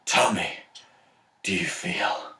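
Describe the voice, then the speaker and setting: A man putting on the voice of a gloomy, self-mocking male superhero, muttering low and flat. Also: slow pace, echoey room.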